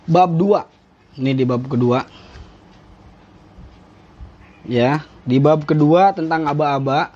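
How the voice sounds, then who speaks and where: A man's voice: fairly high pitch, takes it slowly, pauses often, a little mellow. A young man, casually teaching drill commands on a live stream, blunt and joking as he reads from a rulebook. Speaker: drill instructor. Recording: dull lo-fi live stream audio.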